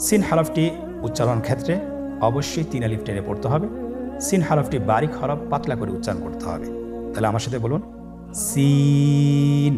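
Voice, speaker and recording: Background music accompanies a man teaching Arabic letters for the Quran one step at a time. He has a Bangladeshi accent and a mid-range voice, talks fast but calmly, and stretches each sound out so listeners can say it back.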